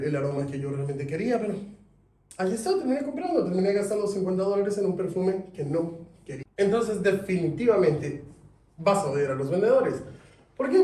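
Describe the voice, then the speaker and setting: A man teaching a sales class, lively, asking his students questions. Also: high-pitched. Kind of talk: classroom lecture. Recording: echoey room, mic at a distance.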